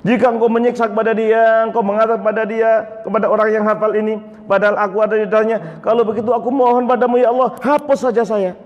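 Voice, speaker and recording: A man's voice: high voice, level tone, fast, few pauses, voice pushed up, close to an everyday voice. A man preaching in Indonesian as a Quran chapter personified, pleading and indignant in first person. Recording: echoey hall, dull lo-fi sound.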